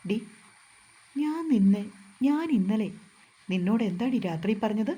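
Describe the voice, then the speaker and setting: A woman's voice: mid-range voice, animated, measured pace, warm tone, slightly rough. A woman voicing a bold, teasing young husband in a storybook reading, mock-stern and playful in tone. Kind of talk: storybook narration.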